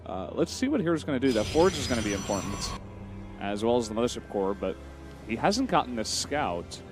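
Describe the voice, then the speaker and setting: A male esports co-caster with a middle-pitched voice, explaining the strategy of a match. Clear music runs behind his commentary. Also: big pitch swings, brisk. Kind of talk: game commentary.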